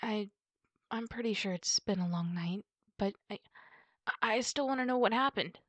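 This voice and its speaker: A woman with a natural voice acts out an ASMR roleplay as a werewolf girlfriend who is distraught and ashamed, halting and stammering through weary apologies broken by sighs. The recording has no echo but a steady rumbling background noise.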